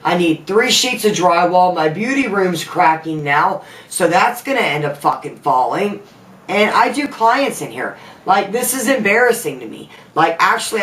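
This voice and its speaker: A woman with a lowish, slightly bright voice rants furiously in an angry vlog from her home, swearing constantly. She's a vlogger and makeup artist, and her heated, profane venting is captured far from the mic in an echoey room.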